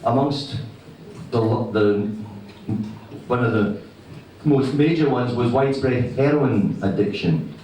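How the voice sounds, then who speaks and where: A man with a broad Scottish accent casually introducing a song at a live gig, talking in a halting, conversational way as a folk singer. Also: medium pitch, warm tone, a little hiss or hum. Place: live venue before an audience. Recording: very echoey live room, distant microphone.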